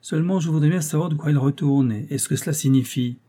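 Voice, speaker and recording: A man's voice: on the high side, fast, dark tone, pitched above the performer's own voice, natural voice. A man voicing a cheeky, impertinent young man in an audiobook, with a mocking, flippant delivery. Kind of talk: audiobook character voice.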